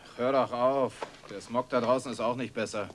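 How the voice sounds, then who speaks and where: A man's voice: medium pitch, steady tone, moderate pace, slight background noise, lightly acted. A man playing a surly, hard-drinking husband. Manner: surly, defensive. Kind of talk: dubbed film dialogue.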